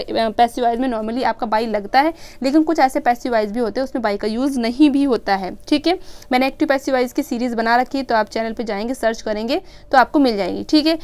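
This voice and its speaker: A woman's voice: a little high, smooth. A woman with an Indian English accent teaching an exam-prep grammar lesson. She explains step by step and keeps asking and answering her own questions. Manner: mixes English terms into her teaching talk.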